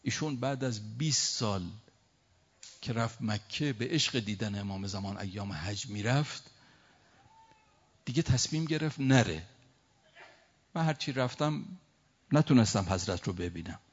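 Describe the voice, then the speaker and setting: Male preacher, low voice, sermon delivery with slow recitation and emotional explanation; muffled lo-fi audio. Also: lively intonation. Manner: recites Arabic verses slowly, then explains them with emotion. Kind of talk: religious sermon. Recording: dull lo-fi recording.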